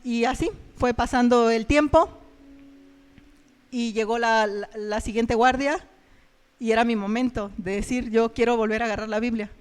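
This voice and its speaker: A woman giving a personal testimony in church, telling her story earnestly and haltingly with many fillers. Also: on the high side, steady tone, smooth. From Mexico.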